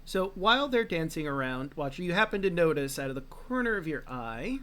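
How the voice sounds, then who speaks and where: A man's voice: a little high, big pitch swings, brisk, sharp tone. A man running a tabletop game as game master, narrating the action and dice rolls in an easygoing way, often laughing.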